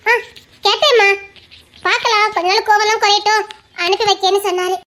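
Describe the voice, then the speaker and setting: A woman playing a young separated wife and student, speaking with a Tirunelveli Tamil accent in a musing, soft-spoken way. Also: very high voice, steady tone, a little fast. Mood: defiant.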